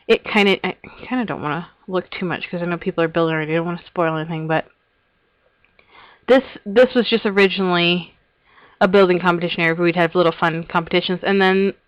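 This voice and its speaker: A woman's voice: on the low side, quick pace, no echo, dull audio. Chatty woman giving a game tour. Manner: chatty, giggly, self-interrupting. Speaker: Minecraft server host giving a tour. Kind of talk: casual rambling vlog narration.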